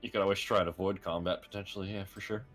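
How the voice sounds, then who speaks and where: Deep-voiced man running a tabletop game. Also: steady tone, a bit bright, faint music behind. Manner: halting, with many fillers and chuckles. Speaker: game master.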